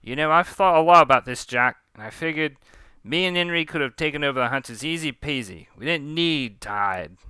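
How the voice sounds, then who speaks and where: A man acts out a swaggering female pirate captain in a storytelling performance, brash and vengeful. The accent is a rough Cockney drifting toward Australian. The sound is crisp, bright and close. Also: medium pitch, no room sound, lightly acted. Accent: attempted Cockney, slipping toward Australian. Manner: brash, menacing, salty slang.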